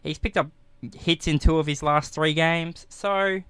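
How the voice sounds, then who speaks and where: A man's voice: on the high side, fairly even intonation, unhurried, fairly bright tone, clean tone, no room sound. A man giving conversational baseball commentary on a radio show.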